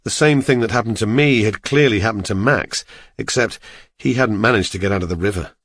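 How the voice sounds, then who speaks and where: A man narrating an audiobook in the first person, steady and measured. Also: lowish voice, no echo, studio quality.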